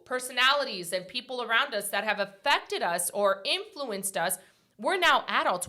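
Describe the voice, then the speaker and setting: A woman's voice: on the high side, sharp tone. A woman in her forties hosting a casual motivational talk show. She speaks emphatically, repeats her points and often ends with "right?". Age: 40s. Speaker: podcast host.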